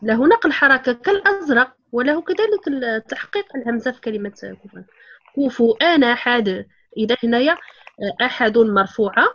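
A woman's voice: a little high, animated, a little fast, fairly bright tone, highs cut off. Patient woman teaching Quran recitation. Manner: patient, explains rules step by step. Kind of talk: online tajweed lesson.

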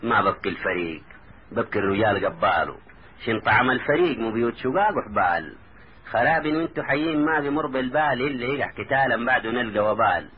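A man's voice: mid-range voice, expressive, fast talker, narrow, tinny audio, slight background noise, close to an everyday voice. A man with a Sudanese Arabic accent voicing a fearful, tender young woman who laments in rhymed verse. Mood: grieving.

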